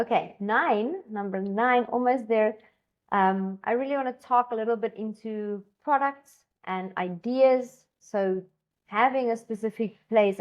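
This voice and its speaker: In a muffled recording, an Afrikaans-speaking co-founder and education designer from South Africa chats with enthusiasm. Her mid-range voice wanders through the casual conversation, full of fillers and fresh starts.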